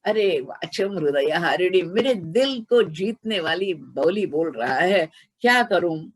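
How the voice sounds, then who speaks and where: A woman's voice: lowish voice, lively intonation, takes it slowly, husky, poor audio. A woman spiritual teacher giving a devotional discourse, chanting verses and leading call-and-response chants. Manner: demonstrative, chants Sanskrit verses.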